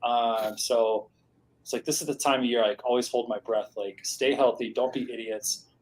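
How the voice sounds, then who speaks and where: A young man, co-hosting a casual chat in a relaxed way, full of fillers and "like". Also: medium pitch, normal speed, a little hiss or hum, low-quality recording. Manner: relaxed, filler-heavy, says "like" a lot. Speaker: podcast co-host.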